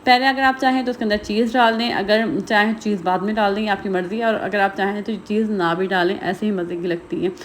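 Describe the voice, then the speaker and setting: A woman talks viewers through a home recipe. She speaks quickly and casually, with plenty of filler phrases. Her voice sits at a middle pitch, and faint noise is heard behind her. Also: fairly even intonation. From Pakistan. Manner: rapid, chatty, heavy use of filler phrases. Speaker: cooking vlogger. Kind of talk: recipe voice-over narration.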